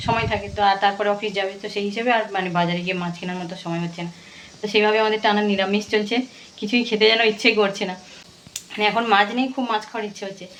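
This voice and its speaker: Fast-chatting woman in a home kitchen. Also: mid-range voice, a bit bright, slight background noise, poor audio. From Bengal. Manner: chatty, rambling, many fillers. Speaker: vlogger. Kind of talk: casual home vlog chat.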